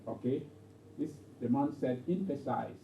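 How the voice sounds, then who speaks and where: An English teacher explains grammar at a steady middle pitch, repeating himself and checking in with his class. He was recorded from a distance in an echoey classroom. The sound is dull and lo-fi, with faint noise behind him. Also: normal speed, over a noisy crowd. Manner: repetitive, checks understanding with "okay?".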